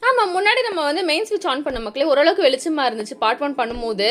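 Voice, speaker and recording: A woman hosting a gaming channel, giving excitable, jittery commentary on a horror game and talking straight to her viewers. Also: high voice, rapid-fire, a little hiss or hum.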